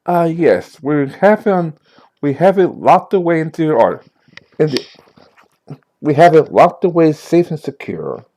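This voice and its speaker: A man's voice: fairly high pitch, very animated, a little slow, mellow, pitched above the performer's own voice, heavily acted. A man voicing a deferential spirit servant who stammers formally while reporting on a vault. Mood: dutiful. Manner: stammering, formal, eager to please.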